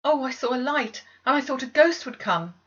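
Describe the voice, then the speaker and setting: A woman's voice: high-pitched, lively intonation, normal speed, slightly rough, highs cut off, voice pushed up. A woman voicing a frightened young orphan girl who pleads urgently and desperately, in a storybook reading. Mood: panicked.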